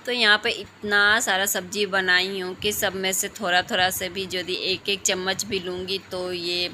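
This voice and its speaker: A hoarse woman talks through her day in a calm, level voice. Her tone is bright and clear-edged, and tiredness shows as she pauses often to find her words. Faint room ambience sits behind her. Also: medium pitch, a little hiss or hum. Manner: calm, explanatory, with pauses and fillers. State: hoarse throat. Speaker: vlogger mother. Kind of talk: casual home vlog narration.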